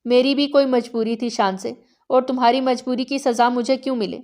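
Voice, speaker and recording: A cold, possessive young chieftain read by a woman speaks in a measured, level tone. The voice sits fairly high for the part. His lines come slowly and steadily in this audiobook story. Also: fairly even intonation, darkish tone, lightly acted. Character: stern proud young male chieftain husband.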